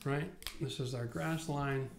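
A tired man in his forties from Canada, explaining basement renovation at a whiteboard in an emphatic, animated way. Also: medium pitch, a little slow, vocal fry, noisy background. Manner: animated, emphatic, rising to passionate rants. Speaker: renovation expert host. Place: studio set with whiteboard, indoors. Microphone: lapel mic.

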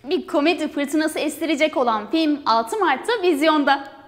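A woman's voice: high voice, moderate pace. A young woman co-presenting film news for university television, reading her script formally. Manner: formal read-aloud delivery. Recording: hall reverb.

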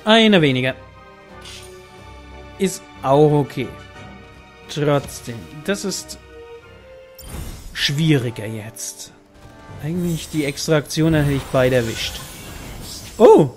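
A man's voice: fairly high pitch, darkish tone. A man giving casual let's play commentary, thinking aloud and muttering to himself as he plays. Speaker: gaming video host. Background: game music.

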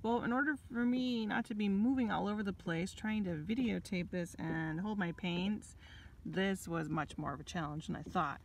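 A woman's voice: medium pitch, moderate pace. Chatty middle-aged woman painting from a kayak. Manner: chatty, self-deprecating, thinking aloud. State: hot, slightly out of breath. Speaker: watercolor artist. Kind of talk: casual chat while painting. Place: in a kayak on a lake outdoors. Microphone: phone camera held in hand.

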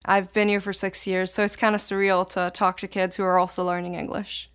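A teenage girl from Israel, a native Hebrew speaker, answers interview questions in casual, thoughtful sentences. Her mid-range voice is fairly quick and shows little pitch movement.

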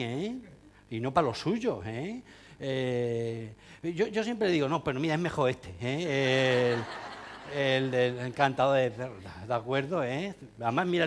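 A man's voice: fairly high pitch, darkish tone, a little hiss or hum. A man giving an ironic, joking talk to teachers, full of asides and fillers. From Spain. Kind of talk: humorous lecture to an audience.

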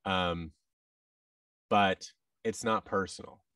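Deep, slow, and fairly even in intonation, this man's voice has a sharp, clean tone. He's an American voice actor in his thirties, a casual podcast guest who keeps restarting and acting out dialogue, on a video call from a large room with tables via a boom-arm headset mic. The recording is dry and studio-clean but far from the mic.

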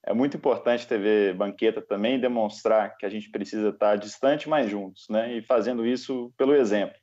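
A man's voice: fairly low pitch, a little fast, a little mellow. A middle-aged Brazilian man with a Brazilian Portuguese accent, a friendly co-host chatting over a video call. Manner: friendly, complimentary, tag questions. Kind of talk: casual interview chat. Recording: dull video-call audio.

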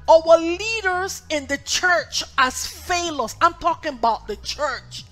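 A woman preacher delivering a sermon in an emphatic, repetitive cadence, her loudness rising and falling between lines. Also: very high voice, a little slow, soft background music.

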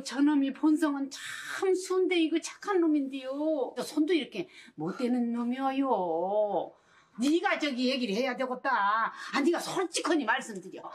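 A wailing scheming mother-in-law. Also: high voice. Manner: loud, wailing, rustic folksy speech. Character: scheming fawning middle-aged mother-in-law. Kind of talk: television drama acting.

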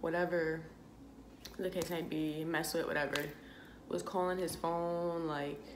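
A woman's voice: lowish voice, level tone, measured pace, background noise. A young woman vlogger telling a casual story, rambling and leaning on filler words. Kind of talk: casual story-time vlog. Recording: echoey room with background music.

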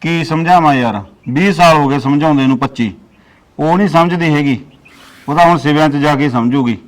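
A man's voice: a little high, fairly quick, close to an everyday voice. A man playing a tired father complaining about his wife. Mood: weary. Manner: tired, grumbling, resigned. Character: weary older father, fed up with his wife. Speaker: father in a comedy sketch. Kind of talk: comic village drama.

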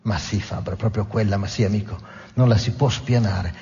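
A grim, obsessed old sea captain presses his questions with fierce intensity, his low voice ringing through a long hall echo, as a man reads him aloud. The recording is dull and muffled. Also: fairly even intonation, moderate pace, mellow, lightly acted.

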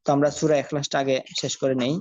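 A woman teaching a religious recitation lesson, drawing the recited verses out slowly between quicker explanations. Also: extremely low pitch, flat delivery, darkish tone, no room sound. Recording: dry, dull lo-fi audio.

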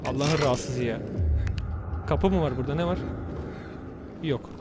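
A man's voice: mid-range voice, moderate pace, loud music behind the voice. A young man commentating a horror game let's play, muttering to himself and cursing at the game. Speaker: gamer.

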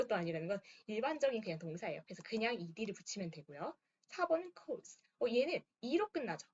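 A woman's voice: mid-range voice, husky. A woman teaching English grammar, walking step by step through exercises and checking in with her students. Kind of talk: lesson walkthrough. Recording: dull lo-fi sound.

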